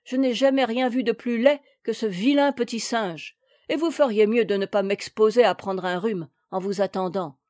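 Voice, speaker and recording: Lady reading as a grumbly bossy maid, a touch high, complaining, storybook. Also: moderate pace, a little mellow, no echo, clean studio sound, natural voice. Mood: scolding. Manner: scolding, complaining. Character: fussy scolding grown woman maid.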